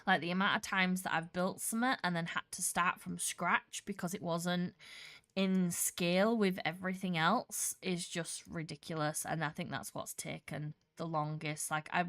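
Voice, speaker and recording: A woman's voice: fairly low pitch, a bit bright, dry recording. A woman streaming a building game, chatting casually and rambling with lots of restarts, her nose congested and a slight cough in her voice. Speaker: Minecraft streamer. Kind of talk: casual live-stream commentary while building.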